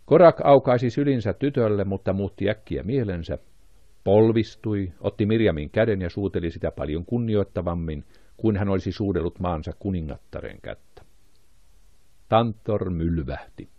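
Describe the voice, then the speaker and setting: A man's voice: low voice, animated, no echo, highs cut off. A man reading an audiobook aloud, lifting his voice for the characters' lines. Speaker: audiobook narrator. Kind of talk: audiobook narration.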